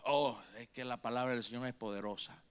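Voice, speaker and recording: A middle-aged man preaching a sermon as pastor, repeating phrases for emphasis with sharp swings in loudness. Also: medium pitch, fairly even intonation, fairly quick, clear, resonant tone. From Bolivia.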